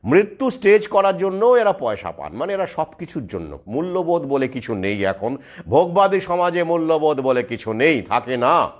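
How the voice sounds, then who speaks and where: A man's voice: fairly high pitch, very animated, normal speed. A man speaking straight to his viewers in an urgent monologue, stressing his points with rhetorical questions. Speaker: video commentator.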